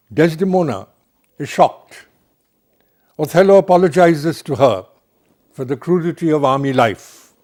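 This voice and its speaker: A middle-aged man lectures on literature at a slow, measured pace. He leans on key words with deliberate emphasis, and his voice sits in an ordinary, mid-range pitch. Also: darkish tone.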